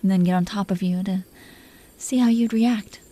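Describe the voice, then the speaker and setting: A woman voices an affectionate, possessive dragon queen in an intimate romantic audio roleplay. She speaks softly and haltingly with a playful, teasing manner, her natural voice at medium pitch and steady in tone.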